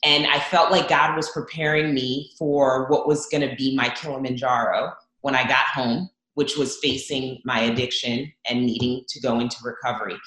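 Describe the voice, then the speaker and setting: A woman's voice: very deep voice, fairly bright tone. A woman born in Zambia, a guest giving an earnest, open faith testimony with frequent restarts. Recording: roomy echo.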